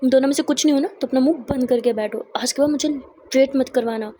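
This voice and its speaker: Woman narrator doing a bossy young woman, high and mellow, scolding. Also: fairly even intonation, fairly quick, a little hiss or hum. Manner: scolding, sharp retorts. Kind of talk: storytelling voice acting.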